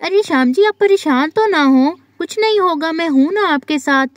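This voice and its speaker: A woman's voice: very high voice, animated, moderate pace, no room sound. A woman voicing a young village wife in a doll story, fussing and reassuring her sick husband. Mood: worried. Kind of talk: doll story role-play.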